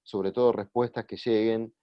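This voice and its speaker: A man giving a measured, explanatory talk, often pausing on "eh" and repeating words. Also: fairly low pitch, steady tone, dry recording. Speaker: guest speaker on judicial reform. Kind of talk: lecture-style explanation. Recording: dull lo-fi, dry sound.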